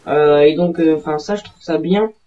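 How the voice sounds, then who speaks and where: Guy rambling over his gameplay, kinda high mellow voice, lots of uhs, muffled lo-fi sound. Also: moderate pace. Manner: hesitant and rambling, many fillers and self-corrections. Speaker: gaming video maker. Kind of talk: casual gameplay commentary voice-over. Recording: dull lo-fi home recording.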